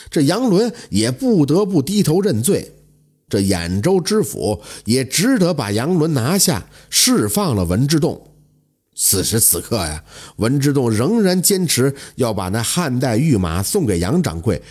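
A man telling a folk tale in a dramatic, lively storytelling manner with exclamatory asides. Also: mid-range voice, breathy edge. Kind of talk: traditional oral storytelling.

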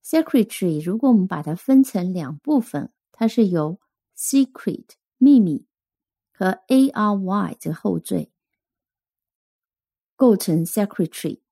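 A Chinese-speaking woman teaching English vocabulary, explaining word origins and slowly spelling out letters and pronunciation. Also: mid-range voice, lively intonation, mellow, husky, dry recording, clean studio sound. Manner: slow, careful spelling and pronunciation drills. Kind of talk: scripted vocabulary lesson.

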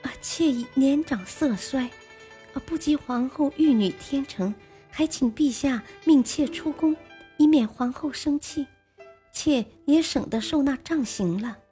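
A woman's voice: high-pitched, a little slow, mellow, soft background music, voice pushed up. A woman voicing a scheming aging imperial consort who pleads in a choked, tearful voice. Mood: tearful pleading.

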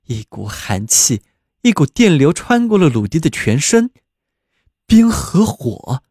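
A man narrates a fairy tale in an expressive storybook manner. His voice sits a little high, and his pitch rises and falls a great deal. The recording is dry and close, with no room sound. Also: moderate pace, no echo.

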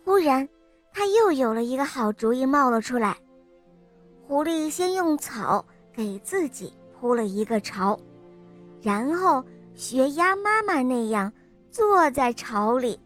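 Expressive woman reading a children's story. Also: high voice, measured pace, soft background music. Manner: gentle, expressive, addressing children. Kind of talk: storybook narration.

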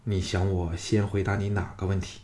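A male reader voicing a wry, self-mocking rough-mannered young man in a storybook reading. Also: deep voice, little pitch movement, moderate pace, warm tone, slight background noise, natural voice.

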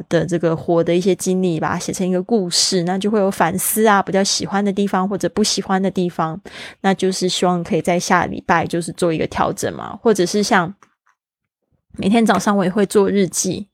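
A woman hosting a language-lesson podcast who explains patiently and slows down to spell out example phrases. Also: on the low side, dry recording. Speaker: podcast host and English teacher.

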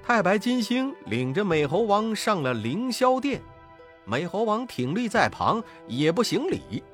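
A man narrating a classic children's story in an expressive, sing-song way. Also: high voice, a little slow, soft background music.

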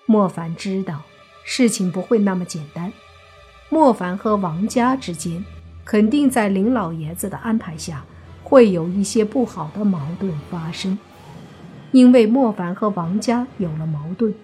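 A woman narrating a web novel audiobook in an even storytelling manner. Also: medium pitch, measured pace, soft background music.

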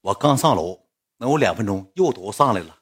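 A young man with a Northeastern Chinese accent telling a comic story in lively, chatty dialect. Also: lowish voice, fairly quick, slightly rough.

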